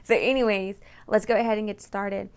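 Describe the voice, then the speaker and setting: A smooth, fairly quick mid-range voice with fairly even intonation belongs to a tarot reader hosting her channel. She reads for viewers casually and close to the microphone, chatty and informal with frequent "right?" and "you know" check-ins.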